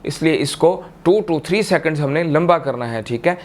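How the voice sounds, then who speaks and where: A man with a Pakistani Urdu accent teaching tajweed, chanting verses in long drawn-out tones and then explaining each rule briskly, often checking in with "theek hai". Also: a little high. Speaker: Quran recitation teacher. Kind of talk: tajweed lesson, slow chanted recitation then quick explanation.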